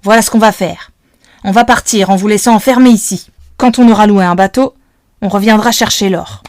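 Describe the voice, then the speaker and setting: A woman voicing a gruff, threatening grown man who holds children captive, menacing and domineering. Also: mid-range voice, fairly quick, a little mellow, dry recording, lightly acted. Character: gruff threatening adult male kidnapper.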